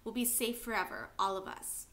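A woman voicing a gentle mother who speaks softly and reassuringly. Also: a little high, steady tone, normal speed. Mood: soothing. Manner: soft, reassuring.

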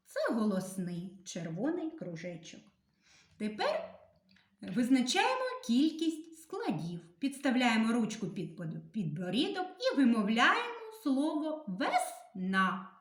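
Slow, lively-voiced woman teaching children. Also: a little high. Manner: slow, careful, instructive, clearly sounding out letters. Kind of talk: literacy lesson for young children. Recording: echoey room.

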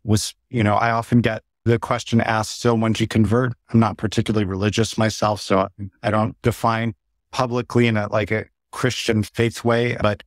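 A man's voice: fairly low pitch, flat delivery, moderate pace, no echo. A man in his forties from San Diego, a guest on a video call, telling his family story directly and matter-of-factly from a room at home. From San Diego, USA. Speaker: guest, peace organization president. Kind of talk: virtual interview. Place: home room with plants and window. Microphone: webcam close up.

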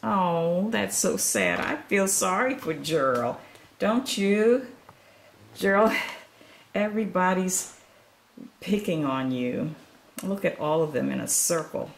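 Woman, storytime read-aloud, slow and gentle, low voice, questions to the listener. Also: very animated, creaky, a little hiss or hum. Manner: sympathetic, comments between pages. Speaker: storytime reader. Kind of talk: children's picture book read-aloud.

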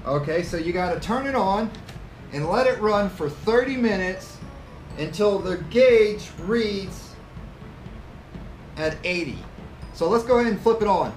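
A fairly high-voiced man in his thirties talks through a tool unboxing in a cluttered garage workshop. He rambles in a plain, easygoing way and pokes fun at himself, picked up on the camera's own mic with faint music behind. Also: lively intonation, unhurried, pauses often. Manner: plain-spoken, rambling, a bit self-deprecating. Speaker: channel host reviewing tools. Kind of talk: casual unboxing chat.

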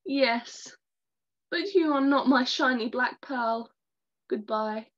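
Storybook caterpillar, young and female, gentle but reproachful as a woman reads her, slightly high voice, dull lo-fi sound. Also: takes it slowly. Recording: dull lo-fi recording.

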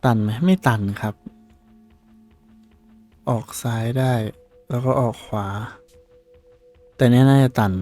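A man giving casual, excitable gameplay commentary, swearing casually and exclaiming often. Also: mid-range voice, slow pace, long pauses, faint music behind. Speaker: gaming video creator. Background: faint game soundtrack.

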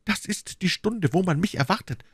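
A man reading aloud and voicing an anxious, secretive young woman, with a raised, light pitch and quick, urgent delivery. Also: lively intonation, slightly rough, no echo, studio quality. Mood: pleading. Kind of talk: audiobook reading.

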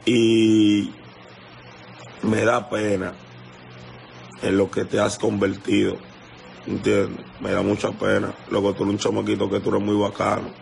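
A young Dominican man holds forth into his phone on a livestream, hammering home his point and asking again and again whether the listener understands. His voice sits low and gravelly, and a faint ambient hiss runs behind it. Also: monotone, a little slow, pauses often, darkish tone. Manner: confrontational, repetitive, keeps asking "you understand?". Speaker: musician addressing a rival. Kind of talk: heated livestream rant.

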